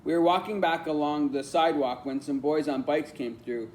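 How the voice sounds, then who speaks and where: Brief: male audiobook narrator, calm reflective storytelling, a faint hiss behind. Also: a little high, normal speed. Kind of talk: scripted narration.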